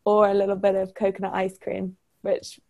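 A woman's voice: medium pitch, monotone, normal speed, vocal fry, a little mellow. A young woman guest on a podcast, chatting casually and describing things with enthusiasm. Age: young adult. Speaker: podcast guest, former language assistant. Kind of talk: casual chat.

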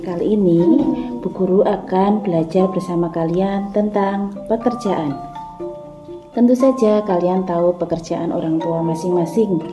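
A woman's voice: mid-range voice, echoey room. A kindergarten teacher, a woman, teaching young children over radio in a sing-song way, asking them questions.

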